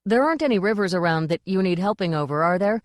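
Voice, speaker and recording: A woman's voice: medium pitch, expressive, quick pace, dry recording, clean studio sound, lightly acted. A woman doing a jittery, eager young man. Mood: anxious. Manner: anxious, ingratiating.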